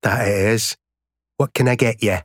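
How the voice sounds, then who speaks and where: A man voicing a brisk, kindly older woman with a Yorkshire accent who runs a pub, in an audiobook. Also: fairly low pitch, fairly even intonation, no echo, studio quality, pitched above the performer's own voice, natural voice.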